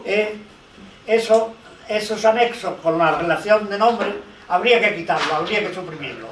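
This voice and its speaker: Speaking at a normal speed in a high-pitched voice, an older lawyer and researcher addresses a conference panel with anecdotes and quoted dialogue. Background noise is present, and the mic sits far off in an echoey hall.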